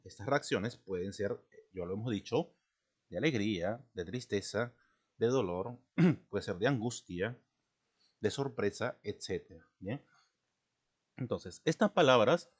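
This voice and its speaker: A middle-aged man teaching a spelling lesson, speaking slowly and repetitively, often checking in with his students and clearing his throat. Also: fairly low pitch. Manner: slow, repetitive, checks in with "¿no?" and "¿de acuerdo?".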